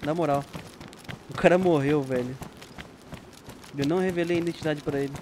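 A man's voice: on the high side, fairly quick, noisy background. A young man with a Brazilian Portuguese accent giving casual, slangy gameplay commentary and laughing often. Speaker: gameplay streamer.

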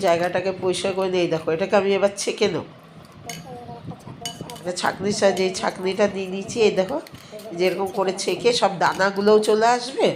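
A middle-aged or older woman with a cold, congested in nose and throat, chattily talking viewers through a recipe step by step. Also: medium pitch. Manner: chatty, homely step-by-step explaining. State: congested with a cold, blocked stuffy nose and throat, speaking with effort. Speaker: home cooking vlogger. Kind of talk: casual recipe narration to viewers. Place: at home while preparing drinks. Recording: noisy kitchen with clinking dishes.

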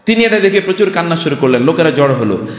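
A man's voice: a little high, animated, very fast. An older man from Bangladesh giving a Friday sermon, emphatic, full of rhetorical questions and storytelling. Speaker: preacher. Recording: echoey hall reverb.

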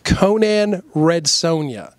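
A man's voice: fairly high pitch, animated, slow pace, a crowd in the background. A man hosting a comics show, presenting his picks with a showman-like flourish. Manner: showman-like, addresses "ladies and gentlemen". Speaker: host.

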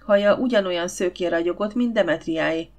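A woman narrating a novel audiobook in a steady storytelling manner. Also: fairly low pitch. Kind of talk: scripted narration.

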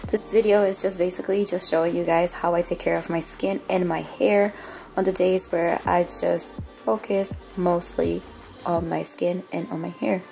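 Speaking at a normal pace with fairly even intonation, a young beauty vlogger's raspy voice is on the low side and dark in tone, as she's a bit under the weather. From a small bathroom she chats casually about her routine, self-mocking and talking to viewers directly, with music clearly playing underneath.

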